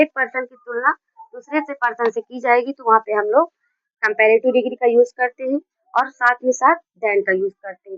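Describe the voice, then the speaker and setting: Hindi teacher woman, slow dictation. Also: fairly high pitch, no room sound. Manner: slow, drawn-out dictation of English example sentences; explains step by step with many restarts. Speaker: English grammar teacher. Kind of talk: Hindi video lesson on grammar. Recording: dull, dry lo-fi recording.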